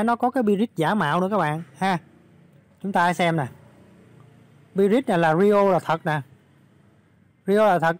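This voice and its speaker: A slightly hoarse man, talking viewers through updates in a casual, filler-heavy vlog. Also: high-pitched, no echo. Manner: chatty, many fillers, addresses viewers directly. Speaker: crypto channel host. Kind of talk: casual screen walkthrough vlog.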